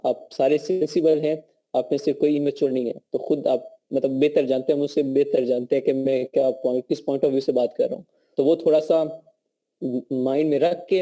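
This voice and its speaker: Teaching a live online course over a call, this man has a Pakistani accent, a sore throat, and a slightly high, warm voice. He lectures in a conversational way, often pausing to check on his students.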